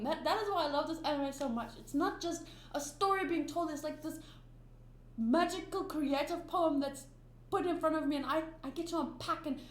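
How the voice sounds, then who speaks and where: Her voice sits high as this woman, a native Afrikaans speaker who makes anime reaction videos on YouTube, gives casual commentary. She rambles emphatically with many fillers and restarts, recorded in a roomy space with echo and a faint hum.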